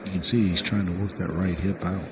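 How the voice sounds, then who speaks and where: A man's voice: deep voice, fairly quick. A man giving conversational analysis as co-commentator on a live golf broadcast. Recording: steady outdoor background noise.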